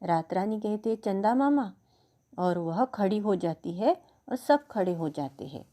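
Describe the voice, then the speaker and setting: A woman teacher reading a story aloud to a class, slowly and patiently, briefly voicing each character. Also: fairly low pitch, expressive, mellow.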